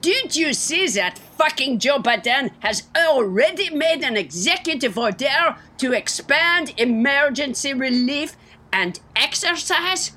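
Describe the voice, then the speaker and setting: A woman's voice: high-pitched, bright, forceful tone, heavily acted. A woman playing a pompous, self-important male president in a French Trump parody at a satirical press conference, making grand declarations with mock-French words.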